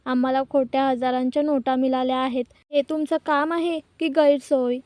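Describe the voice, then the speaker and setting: Woman retelling as a loud, accusing young woman. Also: high voice, fairly even intonation, normal speed, no echo, natural voice. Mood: angry. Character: bold young woman staging an angry scene.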